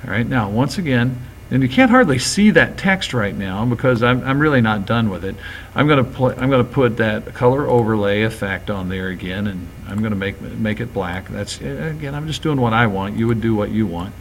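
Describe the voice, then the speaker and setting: A man teaching graphics, talking through each step of a screen-recorded software tutorial in a relaxed, chatty way. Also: lowish voice, normal speed, slight background noise.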